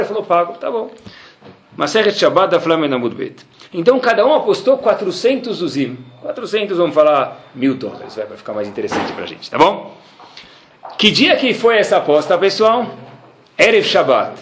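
Man, torah teacher, high lively voice, acts out characters, faint background hiss. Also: roomy sound. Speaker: Torah teacher giving a class. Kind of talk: storytelling Talmud lesson.

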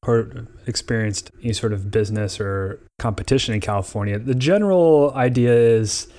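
A man's voice: lowish voice, moderate pace, warm tone. A man recording from aboard an airplane, co-hosting a podcast with loose, rambling, conversational explanations. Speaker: podcast co-host. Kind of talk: casual explanatory podcast talk.

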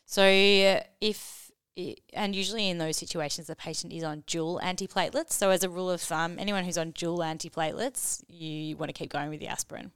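A woman's voice: fairly low pitch, fairly even intonation, brisk, few pauses, fairly bright tone, clear, resonant tone, dry recording, studio quality. A woman hosting a casual educational discussion, explaining things in an informal way. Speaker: podcast host and medical teacher.

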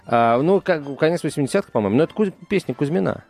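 A man's voice: on the high side, lively intonation, fast, a little mellow, faint music behind. A man co-hosting a live radio talk show, bantering playfully with his partner. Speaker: radio co-host.

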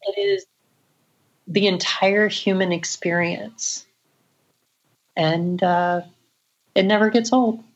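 A woman's voice: medium pitch, steady tone, takes it slowly, pauses often, muffled recording. A woman audiologist telling a story in an interview, earnest and reflective, with frequent "you know" fillers.

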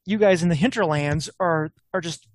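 A man talking bluntly in a casual political chat, quick and opinionated with frequent restarts. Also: fairly high pitch, dry recording.

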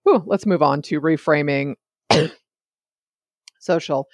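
A woman's voice: sits low, slow, a little mellow, dry recording, studio quality. A woman hosting a solo podcast, talking casually in a chatty, digressive way and often sidetracking herself. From California. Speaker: podcast host.

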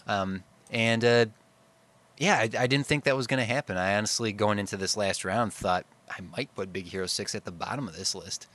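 A man's voice: fairly low pitch, brisk, fairly bright tone. A man co-hosting a podcast, talking casually about films in a rambling, reflective way. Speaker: podcast co-host. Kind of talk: casual film discussion.

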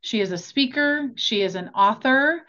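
A woman's voice: a little high, animated, moderate pace, a bit bright. A woman hosting a podcast interview, upbeat and enthusiastic. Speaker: podcast host. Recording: dull lo-fi sound.

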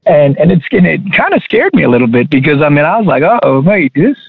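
Male guest, gravelly voice, halting delivery, tinny dry phone line. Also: a little high, very animated, dry recording. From Texas. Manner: halting, many restarts. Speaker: guest chef. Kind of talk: casual interview talk.

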